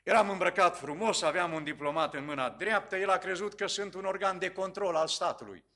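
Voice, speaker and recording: A man preaching as a pastor, telling a story dramatically with pauses and repetitions. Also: high-pitched, sharp tone. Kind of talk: sermon storytelling.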